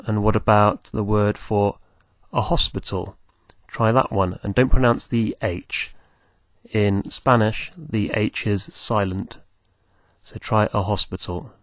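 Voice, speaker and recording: A man teaching beginners, speaking slowly and patiently, repeating words for the listener to copy. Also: lowish voice, steady tone, no echo. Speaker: language teacher. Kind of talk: slow, patient teaching with pauses.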